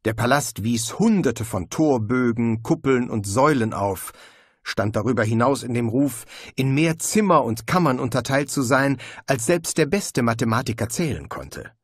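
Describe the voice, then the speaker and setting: A man reading a comic fantasy audiobook in scripted narration, expressive in his storytelling. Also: mid-range voice, normal speed, slightly rough, no echo, studio quality.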